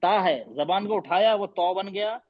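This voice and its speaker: A man teaching an online recitation class on a video call, sounding out letters again and again and quizzing his students. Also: sits high. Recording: dull lo-fi online call audio.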